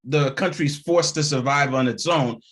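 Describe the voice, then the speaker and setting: A man from Haiti, a guest actor, narrates a story in a laid-back interview with a mid-range voice and moderate pace. He's animated, voicing the people he quotes and laughing at himself.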